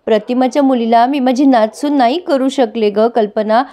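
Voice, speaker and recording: Lady doing a worried old granny, lamenting and blaming, kinda high, soft warm voice. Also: moderate pace, natural voice. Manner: lamenting, fearful, tearful. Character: anxious grieving old grandmother, head of family.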